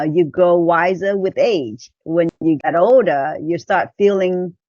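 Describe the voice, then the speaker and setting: A middle-aged Vietnamese woman with a Chinese-Vietnamese accent tells her personal story as a podcast interview guest, talking freely and often correcting herself. Her voice is lowish and a little mellow, and the audio sounds dull with no room sound.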